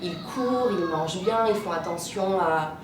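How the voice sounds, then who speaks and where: A woman, a maths teacher chatting in an interview and pausing often on "euh". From Martinique. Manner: chatty storyteller, many "euh" pauses. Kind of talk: casual interview answers. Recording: roomy, distant mic, rumbling noise.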